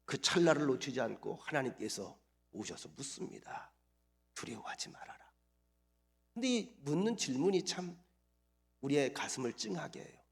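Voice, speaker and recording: A middle-aged male pastor preaching a sermon, moving between hushed, near-whispered lines and loud, emphatic declarations. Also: medium pitch, very animated, moderate pace. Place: church sanctuary.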